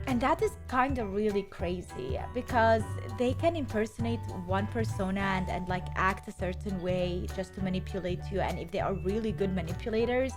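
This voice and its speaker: A young woman from Bosnia, hosting a reaction video in an emphatic, chatty, rambling way. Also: mid-range voice. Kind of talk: casual reaction commentary.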